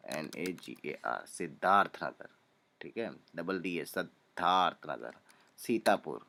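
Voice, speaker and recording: A young man teaching a spelling lesson, calmly spelling out names letter by letter and repeating each one. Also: low-pitched, a little hiss or hum.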